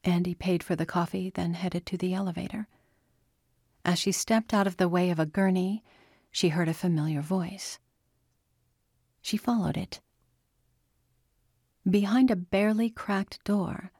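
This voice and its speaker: A woman reads a novel aloud in a steady, unhurried voice, pitched on the low side. The sound is close and dry with no room around it. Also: breathy edge, no echo. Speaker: narrator. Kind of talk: audiobook narration.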